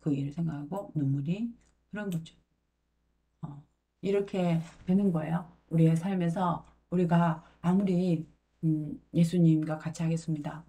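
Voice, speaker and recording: A woman teaching a Bible lesson, explaining verse words and paraphrasing them into everyday speech with a halting, unhurried delivery. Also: fairly low pitch, steady tone, mellow.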